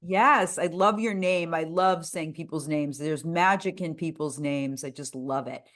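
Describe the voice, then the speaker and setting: A woman's voice: deep voice, a little slow, a bit bright. A woman hosting an interview podcast, talking in an upbeat, gushing way. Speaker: podcast host.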